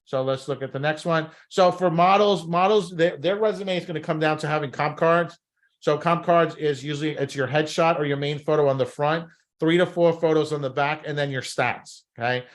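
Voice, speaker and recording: A man's voice: on the high side, normal speed. A man with a Brooklyn accent giving an instructional talk as a talent coach, emphatic and often checking in with short tag questions. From Brooklyn, New York. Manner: emphatic, often tagging phrases with "okay?" and "right?". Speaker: talent scouting coach and presenter. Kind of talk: instructional presentation.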